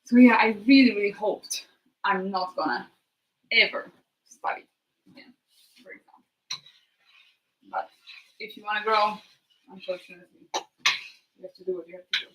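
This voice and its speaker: A woman chatting casually to her live stream while she cooks, thinking aloud in a halting way and trailing off. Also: mid-range voice, steady tone. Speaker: streamer hosting a live cooking chat. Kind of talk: casual chat while cooking. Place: kitchen, next to the sink. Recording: noisy kitchen with clicks. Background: cooking noises and clicks.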